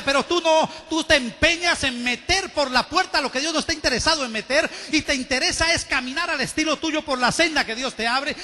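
A man's voice: extremely high pitch, sharp tone. A man preaching a sermon with fervor, calling out to the congregation and having them repeat his words. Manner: fervent preaching with call-and-response to the congregation. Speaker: pastor. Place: large church hall. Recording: long church-hall reverb.

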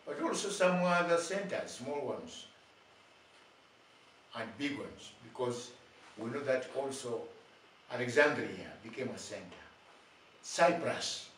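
An older man preaching a sermon, speaking slowly and deliberately in short phrases with long pauses. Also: medium pitch, animated, fairly bright tone. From Uganda. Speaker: bishop. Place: indoors, plain room. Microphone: far camera. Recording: very echoey room, far from mic, faint noise.

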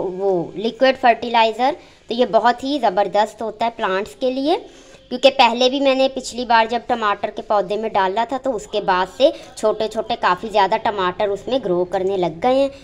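A woman, narrating a casual home vlog in a fond, chatty way. Her voice sits fairly high for a woman. She is recorded on a handheld phone indoors at home. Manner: chatty, affectionate, talks fondly to the cats. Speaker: vlogger. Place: home kitchen and rooms, indoors.

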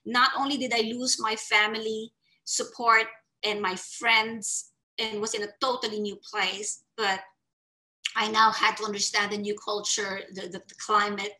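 The recording is rough: a medium-pitched woman in her forties from the Philippines speaks a little slowly via webcam for an online summit. Earnest and expressive, she gestures with her hands while recounting her life from a small indoor room with a plain wall behind her.

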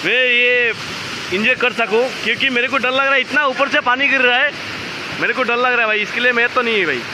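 A man filming a casual travel vlog outdoors by a loud waterfall, excited and jokey, often repeating himself. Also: very high-pitched, fairly quick. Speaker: vlogger. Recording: noisy outdoor recording. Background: waterfall roar and ambience.

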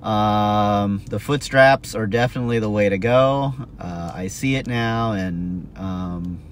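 A man giving a casual vlog recap in a halting, hesitant way, with wind on the mic. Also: fairly low pitch. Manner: hesitant, halting delivery with repeated words. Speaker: windsurf foiling vlogger. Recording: wind on mic, loud noise, distant voice.

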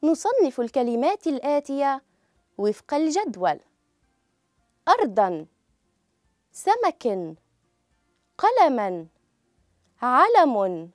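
A woman teaching a children's grammar lesson, speaking slowly and clearly and drawing out each example word for pupils to repeat. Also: high-pitched, darkish tone, no echo, studio quality. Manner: clear, drawn-out model pronunciation.

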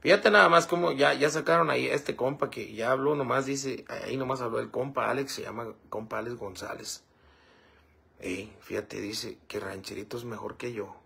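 Gravelly husky man chatting. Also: medium pitch, moderate pace, bright, forceful tone. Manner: rambling, fillers like "este" and "¿verdad?". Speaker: livestream host reading comments. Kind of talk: casual livestream chat.

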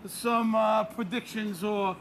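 A man doing a comedy bit, making cocky deadpan judgments about strangers and quizzing them on the street. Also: high voice, slow pace, gravelly, noisy background. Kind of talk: comic street interviews.

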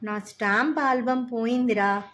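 A woman voicing a gentle young boy who is grieving and disbelieving, speaking in a low, tearful, doubtful way. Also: lively intonation, moderate pace, close to an everyday voice. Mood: sad.

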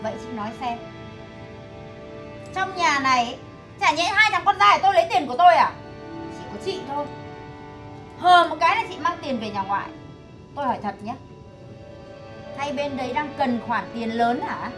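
A woman's voice: high-pitched, expressive, moderate pace, long pauses, a bit bright, faint music behind. An actress playing a suspicious middle-aged mother-in-law who scolds her son's wife. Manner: accusing, scolding.

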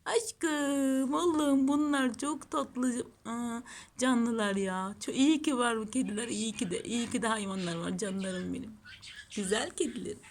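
A woman of medium pitch and normal speed, recorded with a slight hiss or hum, hosts a pet channel. Filming her cats at home for a laid-back vlog, she dotes on them with baby talk and chats casually to viewers.

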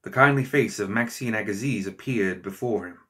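A man reading a story aloud as narrator, with steady, measured storytelling. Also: lowish voice. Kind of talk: scripted narration.

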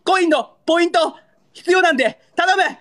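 A young man with a very high, somewhat bright voice and a Kansai accent talks fairly quickly. He's a livestreamer trading battle banter, feigning anger and begging viewers to send gifts.

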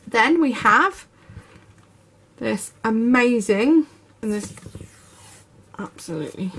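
A woman's voice: fairly high pitch, a little hiss or hum. A woman, narrating a craft unboxing video with gushing enthusiasm. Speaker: craft YouTuber. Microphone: camera over tabletop, speaker off screen.

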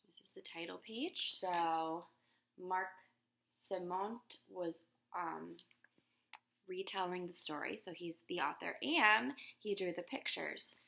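Taking it slowly and with some vocal fry, a woman in her thirties reads aloud to kids and pauses to put questions to her viewers. Her manner is gentle and expressive like a teacher's, lifting her pitch when characters speak; a laptop webcam picks her up at close range in a living room.

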